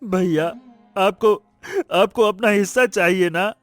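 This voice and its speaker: A man playing a gentle, pleading younger son. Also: high voice, slow, faint music behind. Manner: soft, pleading, respectful. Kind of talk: animated story voice acting.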